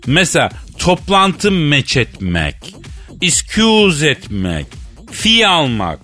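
A man's voice: a little high, wildly swooping pitch, slow pace, bright, forceful tone, faint music behind. A man co-hosting a comedy radio show, telling stories with a playful, teasing manner and acting out dialogue. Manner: playful teasing storyteller who acts out dialogue. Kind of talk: comic radio banter.

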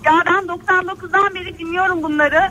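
A woman with a very high, bright voice calls in by phone over a car's Bluetooth line, speaking from the road. She talks in a casual, hesitant way, stretching her fillers as she gathers her thoughts. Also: steady tone, soft background music. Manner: hesitant, many drawn-out fillers. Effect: phone call over a car Bluetooth line. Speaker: caller to a radio show. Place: in a moving car on the road.

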